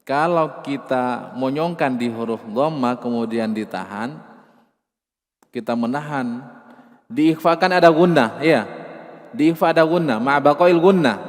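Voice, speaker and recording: A man with an Indonesian accent teaching Quran recitation rules, patiently explaining and slowly chanting drawn-out example words. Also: medium pitch, big-room sound. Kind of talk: tajwid lesson with chanted examples.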